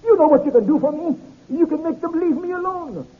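A man doing a shrill, hysterical, terrified stranger. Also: brisk. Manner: shrill, panicked pleading. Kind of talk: 1930s radio acting. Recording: lo-fi old radio transcription.

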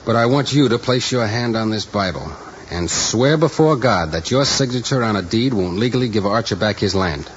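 An American actor playing a calm, principled young parson in an old-time radio western, speaking in a measured, earnest, firm manner. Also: male voice, lowish voice, close to an everyday voice. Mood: firm, challenging. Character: calm, principled parson son who carries a six-gun. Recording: muffled, noisy old radio recording.

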